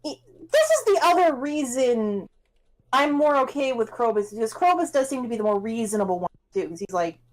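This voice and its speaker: A woman casually chatting and joking while streaming a co-op game, playful and animated. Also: on the high side, brisk, poor audio.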